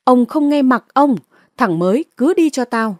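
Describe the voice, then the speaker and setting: A woman's voice: a little high, expressive, normal speed, darkish tone, no room sound, clean studio sound, natural voice. A woman narrator voicing an angry, blustering male village headman. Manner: blustering, threatening.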